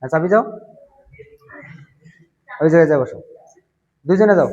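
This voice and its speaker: Brief: male Quran teacher, high voice, shouts drills, muffled recording over loud children. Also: animated, moderate pace. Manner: shouts questions, drills answers, scolds strictly. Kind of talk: classroom lesson to children. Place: crowded classroom indoors.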